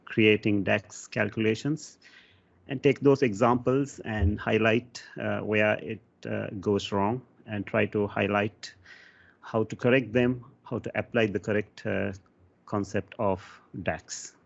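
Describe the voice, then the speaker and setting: Halting man with a gravelly low voice. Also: fairly even intonation. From Sri Lanka. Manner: hesitant, many fillers. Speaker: conference speaker. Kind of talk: technical conference talk. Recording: dull lo-fi sound.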